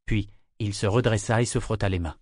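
A man narrating a novel in an even storytelling delivery. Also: lowish voice, fairly quick, no room sound, clean studio sound. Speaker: audiobook narrator.

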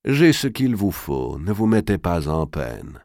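A shrewd, calm old banker, voiced by a male storyteller in an audiobook. He speaks slowly and reassuringly, with a lowish voice and a lively lilt. The recording is close and dry. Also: no echo, heavily acted.

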